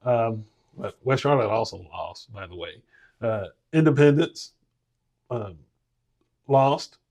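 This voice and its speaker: Man, podcast co-host, plain mid voice, slow deliberate delivery. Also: mid-range voice, lively intonation, vocal fry, darkish tone. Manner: unhurried, hesitant with fillers. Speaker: podcast co-host ranking high school teams. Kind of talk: casual sports talk.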